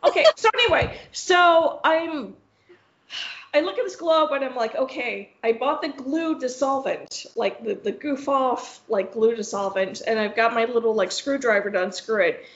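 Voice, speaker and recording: A woman's voice: on the high side, normal speed. A woman co-hosting a podcast, telling a rambling, profane story full of fillers. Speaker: podcast co-host. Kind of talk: casual chat. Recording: echoey room, dull lo-fi sound.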